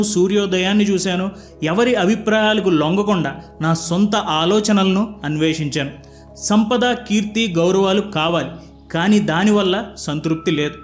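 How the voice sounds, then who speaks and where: Man reading as a calm dying old man. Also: sits high, close to an everyday voice.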